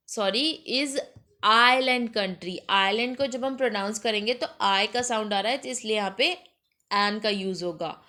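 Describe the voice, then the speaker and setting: A woman teaching an exam-prep grammar lesson, explaining in Hindi mixed with English and reading example sentences slowly. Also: on the high side, bright, forceful tone.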